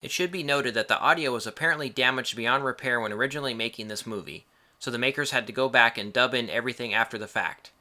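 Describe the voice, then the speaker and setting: A man's voice: medium pitch, fast talker, bright, forceful tone. A man reading a scripted film review in a casual way, with wry, joking asides.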